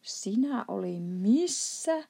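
A woman reading aloud plays a good-hearted giant from a storybook who fusses tenderly over a small friend. He talks softly, with a warm, breathy, slightly gravelly voice. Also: medium pitch, expressive. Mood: fond, indignant. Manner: soft and fond, turning to outbursts. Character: kind, gentle male giant with broken grammar.

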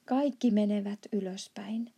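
A woman's voice: medium pitch, gravelly, warm tone, breathy edge. Sophie, as a woman reads her, polite and curious. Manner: polite and questioning. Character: polite, curious little orphan girl.

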